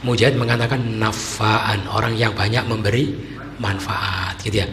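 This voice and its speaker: A man's voice: on the low side, fairly even intonation, normal speed. A man giving a conversational sermon, often asking his listeners rhetorical questions. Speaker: preacher. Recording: echoey hall with faint noise.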